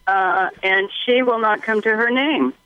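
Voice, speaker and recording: A woman's voice: medium pitch, measured pace, dry recording, muffled recording. A woman calling in to a radio show who speaks hesitantly and agrees readily. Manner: hesitant, agreeable, many small yeses. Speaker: caller. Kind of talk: phone-in call.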